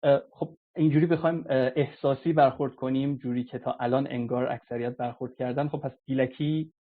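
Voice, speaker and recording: A man whose first language is Gilaki, explaining ideas hesitantly in a casual live audio chat, pausing on drawn-out filler sounds. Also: medium pitch, fairly even intonation. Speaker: discussion speaker. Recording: tinny phone-like audio-app line.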